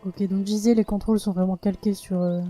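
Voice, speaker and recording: A man's voice: high-pitched, little pitch movement, very fast, over music. A man giving hesitant, casual commentary while playing a video game. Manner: hesitant, lots of fillers. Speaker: let's play gamer.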